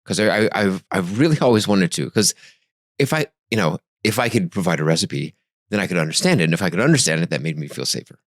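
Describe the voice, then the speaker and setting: A man co-hosting a casual spiritual podcast, talking reflectively with halting restarts and self-deprecating asides. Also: sits low, expressive, no room sound, studio quality. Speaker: podcast co-host.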